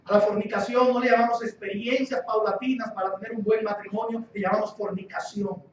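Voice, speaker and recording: A man's voice: sits high, steady tone, brisk, slight background noise. A man preaching a sermon as guest pastor, emphatic, repeating key phrases and asking rhetorical questions. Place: church hall. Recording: echoey church hall, distant dull mic.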